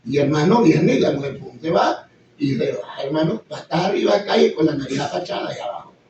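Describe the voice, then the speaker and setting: Man, pastor, sermon, high voice, sudden high exclamations, very echoey room, distant dull mic. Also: lively intonation, fast talker, darkish tone. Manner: preaching with sudden high exclamations and acted quotes. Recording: echoey far-off room mic, slightly dull, faint noise.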